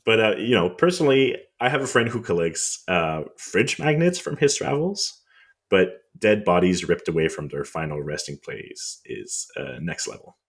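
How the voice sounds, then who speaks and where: A man's voice: low-pitched, sing-song, normal speed, breathy edge. A man with a French accent, co-hosting a podcast and telling history in a conversational way with wry, indignant asides. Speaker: podcast co-host.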